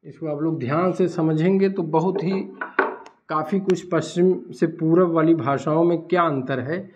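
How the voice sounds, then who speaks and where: A man with a fairly high, steady voice at normal speed gives a blackboard lecture in a Hindi class, asking questions and then answering them himself. The lo-fi recording sounds dull and has a noisy background.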